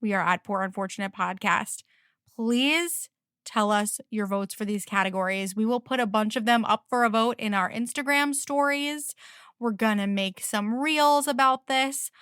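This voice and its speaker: A woman's voice: on the high side, moderate pace, fairly bright tone, smooth, no room sound, studio quality. A woman co-hosting a podcast, chatting casually and enthusiastically, laughing easily. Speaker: podcast co-host.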